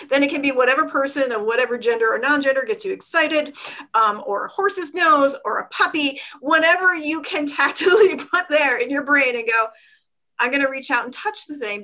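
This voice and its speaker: A woman's voice: sits high, pushed and bright, low-quality recording. A woman with a Philadelphia accent, a dance teacher and author, chatting animatedly in an interview and laughing often. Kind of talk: casual interview chat.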